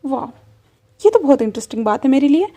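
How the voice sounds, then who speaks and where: A woman voicing a persistent young husband who teases and coaxes softly, read within a fan story. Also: high voice, very animated, fast talker. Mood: teasing. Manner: soft, coaxing, teasing.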